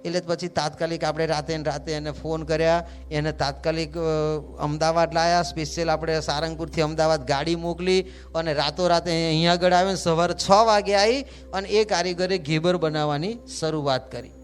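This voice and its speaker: High-voiced monk telling stories. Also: male voice, brisk, clear, resonant tone. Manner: humorous, lively anecdote with quoted dialogue. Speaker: monk storyteller. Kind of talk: devotional storytelling.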